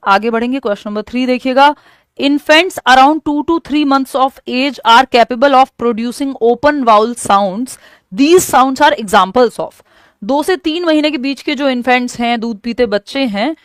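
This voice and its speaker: A woman with an Indian accent teaching an exam-prep lecture, explaining each answer step by step and reading English questions slowly. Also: high voice, no room sound, clean studio sound.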